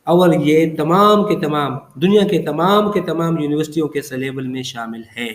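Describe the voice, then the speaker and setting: A man's voice: fairly high pitch, moderate pace, reverberant. A man teaching English poetry in a classroom lecture, patiently repeating terms and checking in often. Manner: patient, repetitive teaching with frequent check-ins. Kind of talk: classroom lecture explaining poetic feet.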